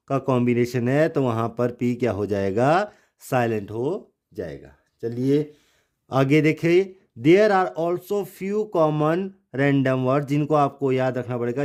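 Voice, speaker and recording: A man's voice: fairly high pitch, a little mellow. A man teaching pronunciation in Hindi, drilling words one by one, asking rhetorical questions and repeating each answer. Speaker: English teacher. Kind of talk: Hindi-language English pronunciation lesson.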